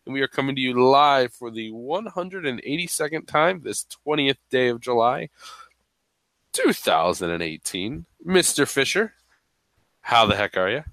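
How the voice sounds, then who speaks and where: A man's voice: mid-range voice, big pitch swings, normal speed, a bit bright, dry recording. A man with a stuffy voice hosting a podcast in a playful, casual, chatty way. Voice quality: stuffy, congested-sounding. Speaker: podcast host. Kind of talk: casual chat.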